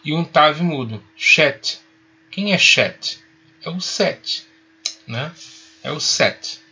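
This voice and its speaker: A man teaching a Hebrew lesson, patient and reassuring, spelling out each sound slowly. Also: on the high side, animated, bright, forceful tone, breathy edge, muffled recording. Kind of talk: recorded online lesson.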